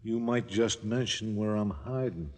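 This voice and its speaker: A man's voice: fairly low pitch, unhurried, a little mellow. An actor playing a tough male crook in a 1940s radio crime drama, terse and slangy. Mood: menacing. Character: tough male crook in hiding, curt and menacing.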